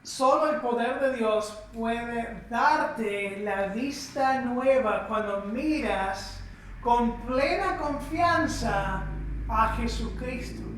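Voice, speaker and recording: Brief: slow, emphatic preacher, echoey room, mic set back. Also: mid-range voice, recorded from a distance, a little hiss or hum. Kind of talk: sermon.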